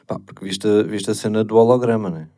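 A man's voice: on the low side, steady tone, quick pace, warm tone. A man chatting casually as a podcast host, informal and slangy, often hesitant. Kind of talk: casual chat.

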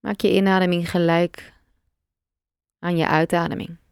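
A woman leading a guided meditation, speaking gently and calmly in short, spaced phrases with long pauses. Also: lowish voice, creaky, smooth, dry recording, clean studio sound.

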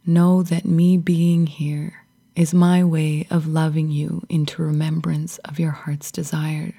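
A woman voicing the tender spirit of fear, speaking in a soft, loving whisper. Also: low-pitched, little pitch movement, slow, gravelly, slightly rough, full character voice.

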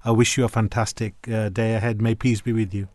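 A man's voice: lowish voice, little pitch movement, fast talker, darkish tone, dry recording. A man hosting a radio talk show who interviews his guests courteously and formally, often restarting his phrases.

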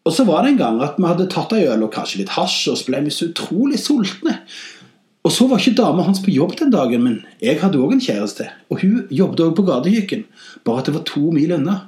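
Man, comedy podcast host, lively swooping pitch, sarcastic deadpan jabs, roomy echo. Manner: animated, with big swings in pitch and loudness. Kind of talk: comic storytelling and satirical commentary.

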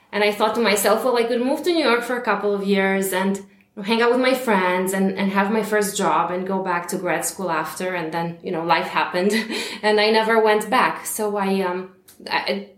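A Romanian-born woman in her thirties appears as a guest on an interview podcast, chatting warmly, laughing often and filling pauses with small hesitations. Her voice is mid-pitched, and the recording has a roomy echo.

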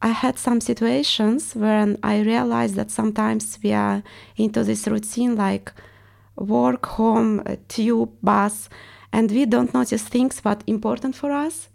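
A woman's voice: fairly high pitch, fairly even intonation, measured pace, vocal fry, darkish tone. A woman from Estonia with a Russian accent, speaking reflectively as an interview guest and searching for words in her non-native English. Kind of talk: reflective personal interview talk.

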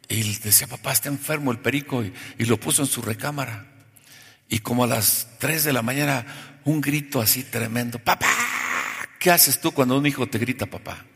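A man preaching a sermon in a church. He asks the congregation questions, has them call back the answers, and swings from soft to loud. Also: mid-range voice, slightly rough. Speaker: pastor. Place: church hall. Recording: long reverb of a large hall.

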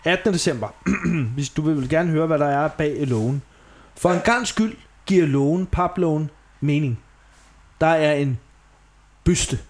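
A man hosting a podcast, chatting casually and retelling scenes with quoted lines and frequent laughs. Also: fairly high pitch. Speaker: podcast host. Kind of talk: casual chat recapping a TV show.

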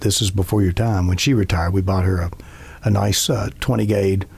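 A man's voice: sits low, steady tone, brisk, vocal fry, slightly rough. A man joining a casual chat, telling a story with hesitations and repeated words.

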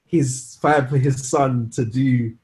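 A man's voice: mid-range voice, steady tone, slow pace, darkish tone. A young man with a London roadman accent, co-hosting a podcast in casual, slangy debate. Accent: London roadman, multicultural London English. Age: young adult. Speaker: podcast co-host.

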